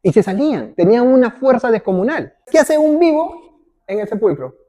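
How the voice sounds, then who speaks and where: A man's voice: very high voice, big pitch swings, normal speed, mellow. A male pastor preaching a sermon in a conversational way, often checking in with the congregation and briefly acting out little quotes.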